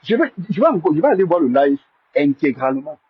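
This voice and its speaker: A man's voice: a little high, sing-song, fast, slightly rough, no room sound, lo-fi sound. Huskily stammering man. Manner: stammering, repeats himself; indignant, defensive. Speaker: live-stream host. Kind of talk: live-stream commentary to viewers.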